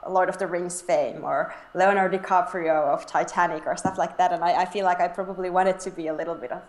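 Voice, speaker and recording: A woman's voice: fairly low pitch, fairly even intonation, quick pace, reverberant. A young woman from Finland, chatting as an interview guest, laughing often and restarting her sentences. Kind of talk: casual interview chat.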